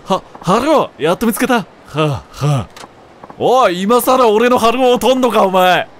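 A man's voice: high voice, very animated, moderate pace, a little hiss or hum, voice pushed up. A man voicing a hot-blooded young male comedian, raising his voice and imitating Kansai dialect. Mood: excited.

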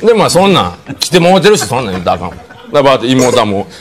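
A middle-aged man with a Kansai accent telling a comic story, acting out lines and dropping to hushed tones. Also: mid-range voice, racing, a crowd in the background. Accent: Kansai Japanese. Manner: animated, acts out quoted lines, drops to hushed tones. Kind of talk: comic storytelling on a TV panel show. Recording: studio audience laughter.

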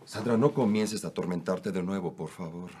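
An actor playing a gentle, concerned man. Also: sits low, moderate pace, slight background noise, close to an everyday voice. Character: concerned man comforting a colleague.

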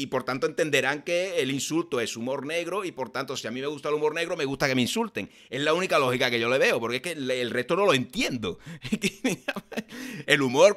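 A man's voice: mid-range voice, fairly bright tone. A young man with a Spanish accent from Spain, chatting bluntly and with exasperation while reacting live to a comedy show. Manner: blunt, exasperated rambling with restarts. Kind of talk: casual live-stream commentary.

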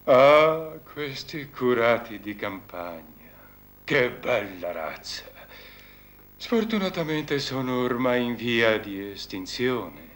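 An actor dubbing a fussy, genteel bishop into Italian, speaking in a slow and unctuous way. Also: male voice, medium pitch, very animated, fairly bright tone. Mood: reassuring. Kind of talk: Italian film dub.

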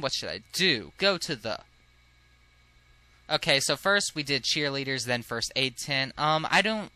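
Chatty, animated man playing a game. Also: a little high, no echo. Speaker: let's play host. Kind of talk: casual game commentary.

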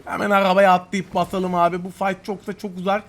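Excitable, fast-talking man commenting on gameplay. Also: sits high. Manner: excitable, taunting opponents, talking to viewers. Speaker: gaming YouTuber. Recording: game gunfire loud behind voice.

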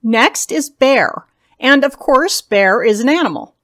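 A woman hosting a video, reading through a list of names and their meanings in a slow, measured way. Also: high voice, animated, fairly bright tone. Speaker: video host.

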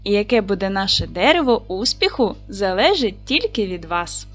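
Lively teacher woman with faint music behind. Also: medium pitch, moderate pace. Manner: lively, clear classroom delivery, stretching out words to spell them. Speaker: primary school teacher. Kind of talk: video lesson for children.

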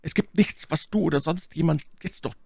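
A trapped man in a horror audiobook cries out in panic, his voice pushed up high and strained, as a male reader puts him on. He pleads in a desperate, half-whispered way. The reading is dry and close. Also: a little fast, gravelly, a little mellow, breathy edge, dry recording. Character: terrified trapped man calling up from below.

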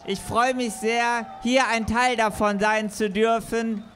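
A man's voice: extremely high pitch, flat delivery, slow pace, a bit bright, a little hiss or hum. A man from Berlin chatting hesitantly between songs at a live outdoor concert, with frequent filler sounds. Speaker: singer-songwriter performing live. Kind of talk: stage patter between songs. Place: outdoor stage under a bridge at a street festival. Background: accordion music.

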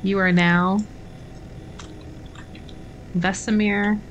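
A female gaming streamer draws out her words in a medium-pitched voice that barely moves in pitch. She rambles casually through let's-play commentary with self-mocking asides, over game music and slight background noise.

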